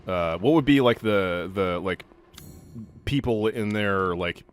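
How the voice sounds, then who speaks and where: Low-voiced man in his thirties, rambling. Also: lively intonation, slow pace, a little hiss or hum. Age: 30s. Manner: rambling, self-interrupting, swears casually. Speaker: let's play host. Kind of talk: casual gameplay chat.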